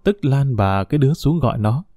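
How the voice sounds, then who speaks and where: A man narrating a first-person story in a calm, measured way. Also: mid-range voice, no room sound, clean studio sound, soft background music.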